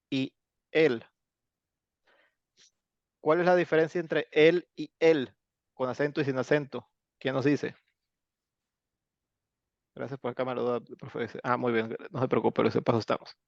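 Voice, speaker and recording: A man's voice: mid-range voice, no room sound. A man with a Mexican Spanish accent teaching an online English class, chatty and explanatory with many fillers. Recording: dull, lo-fi online class audio.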